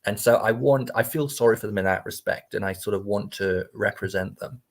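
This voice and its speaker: Low-voiced reflective English man. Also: brisk. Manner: reflective, hesitant, many restarts. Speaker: podcast guest. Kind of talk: casual interview chat.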